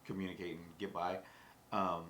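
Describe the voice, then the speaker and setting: A man's voice: low voice, flat delivery, normal speed, fairly bright tone. A man co-hosting a podcast in casual chat, laid-back and agreeable, swearing casually. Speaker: podcast co-host.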